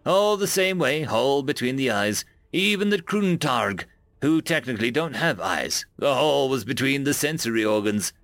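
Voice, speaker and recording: A man's voice: medium pitch, lively intonation, normal speed, a bit bright, dry recording. A man voicing a trooper in a spoken story, reporting in a dry, matter-of-fact way. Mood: uneasy. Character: wry, uneasy male trooper.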